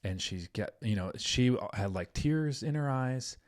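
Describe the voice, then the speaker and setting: A middle-aged man hosting a parenting podcast, telling a story in an earnest, animated way and saying "like" often. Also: medium pitch, a little slow. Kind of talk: casual podcast conversation.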